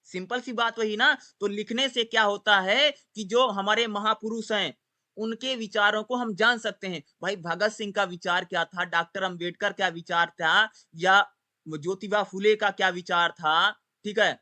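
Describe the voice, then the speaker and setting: A man's voice: high voice, steady tone, normal speed, bright, forceful tone. A male teacher explaining a lesson, repeatedly asking questions and answering them himself. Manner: repetitive, asks rhetorical questions then answers them. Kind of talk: explanatory Hindi lecture.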